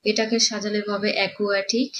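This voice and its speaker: A woman teacher going through exam answers, reading English questions slowly and explaining them in Bengali. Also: medium pitch, flat delivery, fairly bright tone, slight background noise, rough recording.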